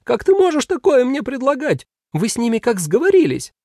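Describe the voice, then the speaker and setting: A man's voice: extremely high pitch, steady tone, a little fast, vocal fry, a little mellow, dry recording, clean studio sound, pitched above the performer's own voice, exaggerated voice. A man voicing a lonely, sorrowful male demon who talks in a plaintive, pleading way. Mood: indignant.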